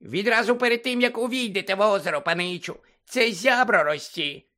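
A squeaky little male house-elf, put on by a man reading an audiobook, eager to serve and forever pleading. He speaks of himself in the third person, in a voice pitched far above an ordinary man's. The squeak stays bright and urgent throughout. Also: a little fast. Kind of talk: audiobook character voice.

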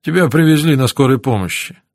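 A man reading the lines of a kind, steady man caring for a friend in hospital, speaking gently. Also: medium pitch, a little fast, no echo, studio quality, lightly acted. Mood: gentle. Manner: gentle and warm. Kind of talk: audiobook character reading.

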